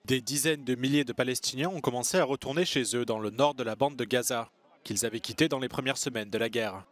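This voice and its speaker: Man reading the evening news. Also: medium pitch. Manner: measured, even newsreader delivery. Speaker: news anchor.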